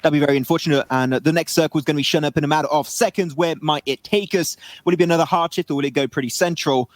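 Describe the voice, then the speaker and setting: Rapid male esports co-caster, slightly high voice, excitable play-by-play. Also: dry recording. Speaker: esports commentator. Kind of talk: live esports commentary.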